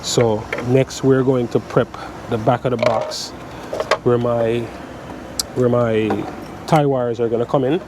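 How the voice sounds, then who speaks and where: A man in his thirties, an electrician vlogger with a stuffy cold, walks through electrical prep work step by step in a casual how-to vlog, relaxed and often repeating "so" and "guys." He speaks slowly at medium pitch. A chest-mounted action camera records him on a sunny dock, with outdoor noise from traffic and air conditioning.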